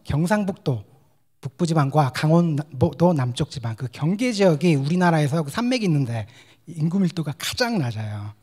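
A young man from Korea with a Gyeongsang accent, giving a lively, humorous sermon as a junior pastor and slipping into English phrases. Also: a little high, moderate pace, slightly rough. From South Korea. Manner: animated, mixes English phrases, acts out dialect quips.

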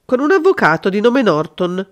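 A woman reading a calm, clever male detective in an audiobook, measured and explanatory. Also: medium pitch, lightly acted. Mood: composed.

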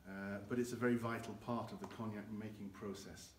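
An older guide talks briskly about how cognac is aged, his low-side voice keeping a fairly even intonation. Both of his hands move as he explains things in a large, dim barrel warehouse with an earthen floor. He was recorded by a camera a few meters away, and the audio is echoey with faint noise.

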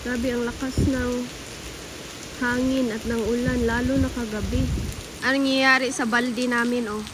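Woman vlogger, chatty and relaxed, high voice, storm noise in the recording. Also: a little slow. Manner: chatty, addresses viewers as guys. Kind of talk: casual family vlog chat.

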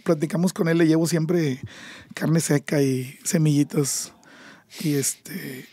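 Gravelly Mexican man telling stories. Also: a little high, slow pace, no room sound. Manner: animated, acts out voices in his stories. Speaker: podcast guest, taco shop owner. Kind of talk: storytelling interview.

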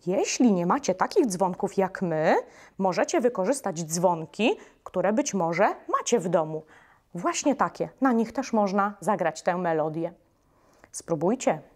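A woman leading a music workshop for children, giving slow, patient instructions with short pauses. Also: medium pitch, expressive, darkish tone.

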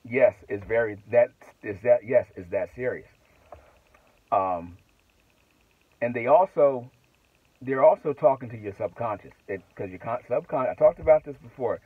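A man's voice: medium pitch, moderate pace, slightly rough, no echo, narrow, tinny audio. A middle-aged man vlogging from inside his truck cab at night, talking in a rambling way with restarts and asides. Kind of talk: casual monologue to camera.

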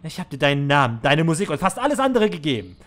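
A man's voice: fairly high pitch, big pitch swings, fast, a bit bright. A man voicing a cruel, condescending manager. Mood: scolding. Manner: scolding, condescending. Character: cruel, manipulative older male manager. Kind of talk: reading game dialogue aloud in a let's play.

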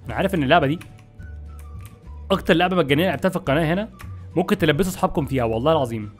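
Fast, excitable Egyptian gamer man. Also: on the high side, faint music behind. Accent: Egyptian Arabic. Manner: excitable, exasperated, jokey, talks to viewers. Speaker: gaming YouTuber. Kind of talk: gameplay commentary.

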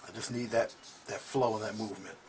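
Speaking fairly quickly, a middle-aged man gives a painting lesson from his small home studio. He's easygoing, talking as he works and frequently letting his voice fall to a murmur over the brush strokes, with a faint hiss or hum in the background.

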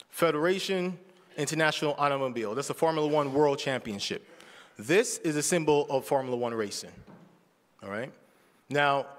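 Man in his forties preaching in a reverberant church. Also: medium pitch. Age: 40s. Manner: chatty, checks in with the congregation. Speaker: church speaker. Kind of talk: casual conversational sermon. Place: church sanctuary. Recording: long reverb of a church hall.

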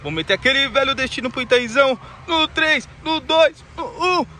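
A man's voice: very high voice, expressive, moderate pace, bright, forceful tone. A man, a rideshare driver talking casually to his viewers in a slangy vlog from his car in the city. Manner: slangy, calls viewers family and guys. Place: inside and around a car in the city. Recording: noisy car and street recording. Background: street and traffic noise.

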